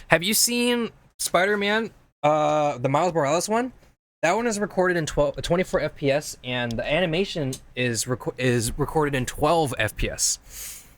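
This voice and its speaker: A man's voice: a little high, expressive, normal speed, a bit bright. A man streaming, casually teaching video editing while reviewing viewer edits, rambling and repeating himself as he explains things step by step.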